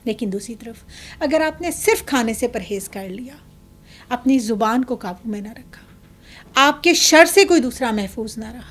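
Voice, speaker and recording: A woman's voice: fairly high pitch, animated. A woman hosting a talk program, speaking emphatically and posing rhetorical questions. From Pakistan. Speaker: TV program host. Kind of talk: hosting a religious talk show.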